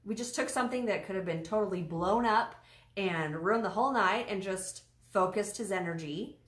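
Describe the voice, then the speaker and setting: Woman co-host in her thirties, chatty and lively, casual talk, echoey room. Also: medium pitch, moderate pace. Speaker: podcast co-host. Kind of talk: casual chat.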